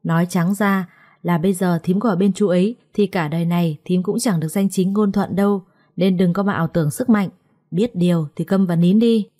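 Scheming daughter-in-law, sneering, condescending, dark mellow tone, read by a woman. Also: on the low side, fairly even intonation, a little fast, natural voice.

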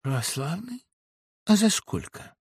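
A man's voice: medium pitch, sing-song, moderate pace, vocal fry, slightly rough, no echo, studio quality, exaggerated voice. A man voicing a defiant male tavern violinist in an audiobook, cool and cutting in his retorts. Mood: cool mocking. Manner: quiet and cutting, then commanding. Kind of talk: audiobook reading.

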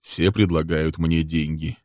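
A man voicing a calm, cold man with a dark secret, speaking slowly and evenly. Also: extremely low pitch, dry recording, clean studio sound.

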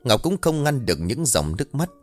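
A man narrating a scripted ghost story in an expressive storytelling way. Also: medium pitch, brisk, soft background music. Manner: expressive storytelling, voices every character.

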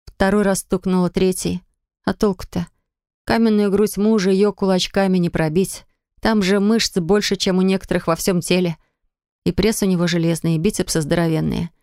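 Lower-voiced woman narrating an audiobook. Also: normal speed, smooth, dry recording, clean studio sound. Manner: expressive, rising high and loud in the heroine's angry lines.

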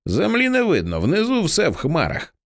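A man's voice: sits high, huge pitch swings, moderate pace, pitched above the performer's own voice, heavily acted. A man voicing an edgy teenage girl in an audiobook reading, blunt and sarcastic, swearing casually. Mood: wry, anxious.

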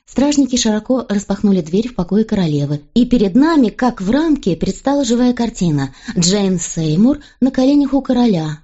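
A woman reading a novel aloud as an audiobook narrator, in a steady, even first-person storytelling voice. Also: medium pitch, brisk, few pauses, husky, highs cut off.

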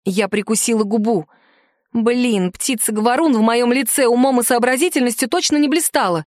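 A woman reading a first-person fantasy novel aloud in a lively, expressive way. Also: on the high side, normal speed, no echo, studio quality. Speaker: audiobook narrator.

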